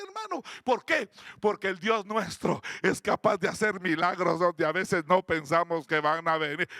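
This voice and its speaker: A man preaching a fiery sermon in a Guatemalan Spanish accent, often shouting and asking the congregation questions. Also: extremely high pitch, vocal fry, no echo, clean studio sound. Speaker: pastor.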